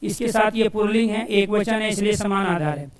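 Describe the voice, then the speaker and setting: A male coaching teacher giving a Hindi grammar lesson for exam students, asking questions and answering them himself and repeating key phrases slowly as if dictating. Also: sits high, roomy sound, recorded from a distance. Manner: addresses listeners as dear friends.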